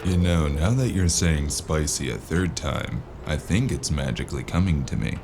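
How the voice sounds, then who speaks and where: A man playing a weary, sardonic noir gun-for-hire in an audio drama, with a gravelly voice and dry, clipped delivery. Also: expressive, normal speed, noisy background. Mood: sardonic, impatient. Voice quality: gravelly, very low. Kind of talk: noir detective audio drama with hardboiled narration.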